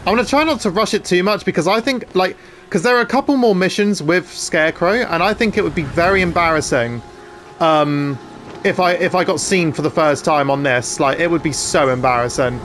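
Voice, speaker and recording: Young man in his twenties, gaming YouTuber, excitable chatty commentary, voice sits a bit high. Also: brisk, slight background noise. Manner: excitable, chatty, frequent restarts. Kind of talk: gameplay commentary.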